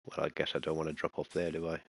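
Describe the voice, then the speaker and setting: In a dry recording, a gaming channel host with a rumbling low, gravelly voice rattles off rapid-fire, monotone commentary as he plays a survival game. It's casual let's-play talk, mostly muttering to himself, punctuated by alarmed outbursts when enemies turn up.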